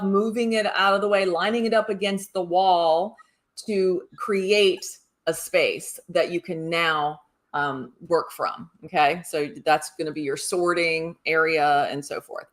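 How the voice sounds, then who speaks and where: A woman's voice: on the low side, unhurried, a bit bright. A woman co-host and organizing coach, upbeat and explanatory, often checking in with the listener. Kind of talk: casual conversation.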